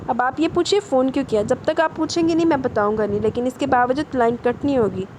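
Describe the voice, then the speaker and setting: A woman's voice: sits high, darkish tone, slight background noise, close to an everyday voice, rough recording. A woman voicing a brash young gangster man who makes playful, boastful threats. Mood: taunting.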